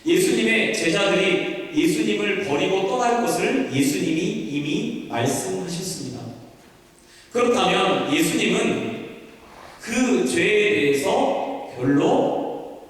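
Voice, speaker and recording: Male pastor, anecdotal sermon, slightly high voice, distant mic, very echoey church hall. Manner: anecdotal, repeats words and trails off. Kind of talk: storytelling sermon. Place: church sanctuary.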